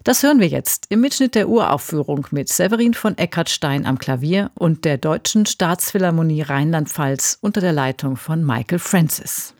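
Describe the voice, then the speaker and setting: A woman's voice: low-pitched, expressive, normal speed, hardly any pauses, a little mellow, dry recording, studio quality. A woman hosting a radio program, asking probing questions and announcing the next piece. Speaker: radio host.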